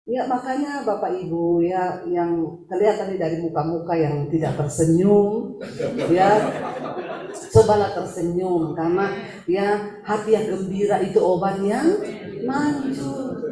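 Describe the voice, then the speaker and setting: A woman's voice: mid-range voice, unhurried, reverberant, a crowd in the background, rough recording. A woman pastor preaching a sermon, telling a story with humor and frequent laughter. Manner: humorous, animated, laughing often.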